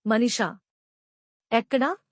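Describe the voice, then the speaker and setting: A woman's voice: a little high, expressive, slow pace, no echo, clean studio sound. A woman voicing a worried, hungry tigress in a storybook, asking anxious questions.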